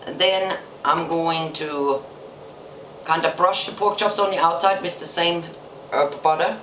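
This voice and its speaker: A woman's voice: sits low, fairly even intonation, a little slow, a bit bright, reverberant, a little hiss or hum. A woman from Germany with a German accent, explaining a cooking recipe step by step with small grammar slips. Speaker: home cook. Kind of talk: cooking demonstration. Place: home kitchen.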